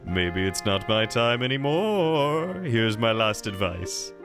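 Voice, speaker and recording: A man's voice: lowish voice, very animated, slow. A man voicing a mysterious young warrior who gives cryptic, solemn advice in a slightly raised voice. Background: game music.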